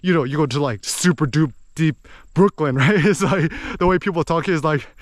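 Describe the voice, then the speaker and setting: A man talking in a casual, rambling way, full of "like" and "you know", animated as he explains things. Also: fairly high pitch, normal speed, dry recording, clean studio sound. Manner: animated, slips into impressions of accents.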